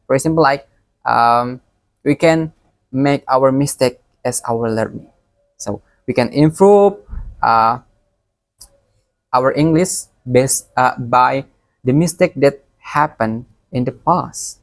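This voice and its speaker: A young man with a Palembang Indonesian accent gives a recorded exam presentation as an education student, halting and often repeating words. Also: medium pitch, gravelly, dry recording. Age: young adult.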